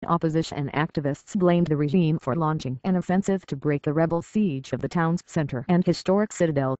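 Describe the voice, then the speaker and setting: Measured news reader, dry and dull. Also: medium pitch, no room sound. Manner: even, measured read of a written wire story. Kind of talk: scripted news report narration.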